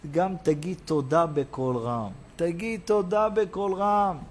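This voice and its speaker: A rabbi giving a Hebrew sermon, preaching emphatically and swinging between loud exclamations and quiet asides. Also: male voice, high-pitched.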